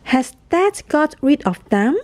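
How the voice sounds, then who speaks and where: A woman's voice: high voice, sing-song, a little slow, noisy background. A woman voicing a cheerful young boy making suggestions in a children's storybook reading. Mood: suggesting.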